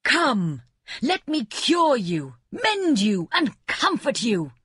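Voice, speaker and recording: A woman voicing a cruel, bad-tempered young male wizard who shouts in slow, heavy outbursts. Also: high voice, sing-song, breathy edge, no room sound, clean studio sound, pitched above the performer's own voice, heavily acted. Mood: desperate.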